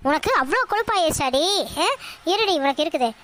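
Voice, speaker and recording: A woman's voice: sits high, animated, fast talker, a bit bright. A woman voicing a bossy, nagging middle-aged mother-in-law in a cartoon, with a Tirunelveli Tamil accent. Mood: scolding. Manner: harsh, nagging, commanding. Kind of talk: cartoon voice acting.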